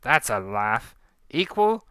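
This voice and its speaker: A man's voice: medium pitch, big pitch swings, takes it slowly, bright, forceful tone, clean tone, dry recording, clean studio sound, heavily acted. Man playing brash Cockney-ish female pirate captain Leah. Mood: scornful, menacing. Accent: attempted Cockney, slipping toward Australian. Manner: brash, menacing, salty slang. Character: vengeful swaggering female pirate captain, a vampire.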